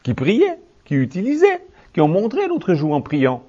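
A man's voice: huge pitch swings, normal speed, breathy edge. Man, preacher, sermon, fervent, rhetorical, lo-fi sound. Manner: fervent, rhetorical, swings from low to shouting.

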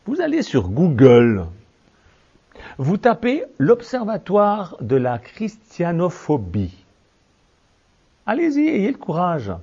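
Fervent male preacher, husky and dull. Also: huge pitch swings, slow, pauses often. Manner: fervent, rhetorical, swings from low to shouting. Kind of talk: sermon.

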